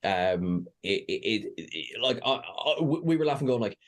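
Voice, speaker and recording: A man's voice: fairly low pitch, sing-song, normal speed. A man hosting a casual fan chat show, rambling and jokey with stammering restarts. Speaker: podcast host.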